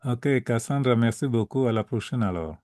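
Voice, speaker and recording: A man's voice: medium pitch, moderate pace, a little mellow, no room sound, clean studio sound. A man chatting casually on a call, rambling a little and rewording his points as he explains. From francophone, living in the United States. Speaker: meeting participant. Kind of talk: casual chat.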